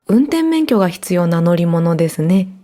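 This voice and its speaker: Gentle woman hosting a podcast. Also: on the low side, very animated, moderate pace, faint music behind. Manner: clear, gentle explanatory delivery. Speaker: podcast host. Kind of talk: calm scripted podcast teaching Japanese.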